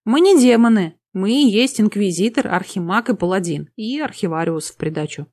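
A woman voicing a male inquisitor whose soft, kindly tone carries quiet menace. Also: mid-range voice, expressive, moderate pace, close to an everyday voice. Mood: amused. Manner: soft, affectionate, mocking.

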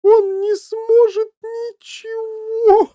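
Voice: flat delivery, drawn-out words, dark tone, heavily acted. A reader voicing a frantic, tearful middle-aged mother in an audiobook. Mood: wailing. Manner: shrill, wailing. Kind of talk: audiobook character reading.

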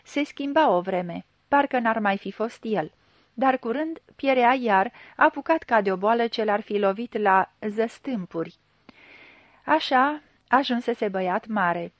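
A woman's voice: a little high, no echo. Woman narrating a literary audiobook. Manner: measured, expressive storytelling.

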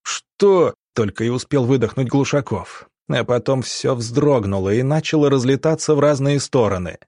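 A man narrating an audiobook with a dramatic, measured delivery. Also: medium pitch, a little mellow, dry recording, studio quality.

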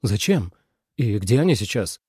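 A man's voice: on the low side, big pitch swings, moderate pace, warm tone, husky, dry recording, studio quality, exaggerated voice. A man voicing a proud, defiant young nobleman who speaks curtly and mockingly in a storybook reading. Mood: cold. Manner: curt, mocking.

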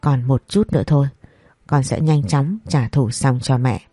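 A brooding son mutters his vow of revenge, as the narrator puts him on. His voice has a strange, hollow timbre and a breathy haze. It sits in an audio story. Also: medium pitch, normal speed, dark tone, no room sound, lightly acted. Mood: bitter, vengeful. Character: vengeful grieving son, brooding.

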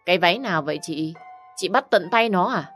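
A woman's voice: on the low side, animated, a little fast, a bit bright, soft background music. A woman voicing a cruel young woman who taunts and mocks. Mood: taunting.

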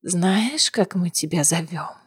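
A woman voicing a battered, defiant captive witch with an injured throat, whispering hoarsely and slowly. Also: fairly low pitch, animated, full character voice. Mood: defiant, mocking.

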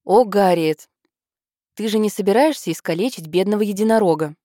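A woman voicing an eager, gushing teenage girl in an audiobook, higher and breathless with excitement. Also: brisk, no room sound, studio quality, natural voice.

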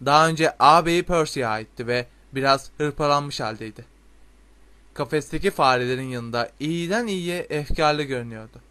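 A man reading a storybook aloud in a steady, expressive way. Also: on the high side, normal speed, clear, resonant tone. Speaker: audiobook narrator. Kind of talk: storybook narration.

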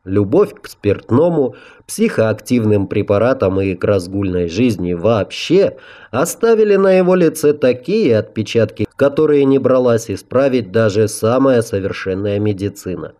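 A man reading a science fiction audiobook in a measured, even narration. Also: lowish voice.

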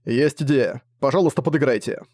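A man's voice: medium pitch, fairly quick, a little mellow, no room sound, studio quality, lightly acted. A man voicing a cocky young male mage in an audiobook, talking cheeky and urgent.

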